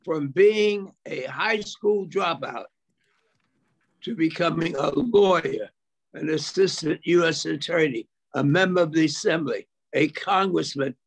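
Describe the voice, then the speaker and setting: A man's voice: fairly high pitch, measured pace, gravelly. An older man giving an impassioned speech at an event, full of repetition and rhetorical questions, heard over a video call. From United States. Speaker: speaker at a memorial event.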